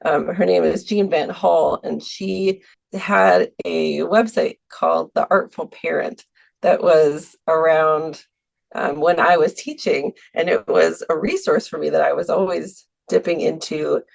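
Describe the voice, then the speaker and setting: A woman's voice: low voice, steady tone, measured pace, creaky, a little mellow. A woman guest on a podcast, talking casually about teaching art, hesitating with many ums and small laughs. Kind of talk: casual interview talk. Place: Milwaukee, US.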